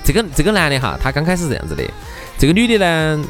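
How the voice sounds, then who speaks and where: A man's voice: a little high, wildly swooping pitch, fast, faint music behind. A man with a Sichuan accent co-hosting a talk show, giving casual commentary in colloquial dialect, repeating phrases and posing rhetorical questions.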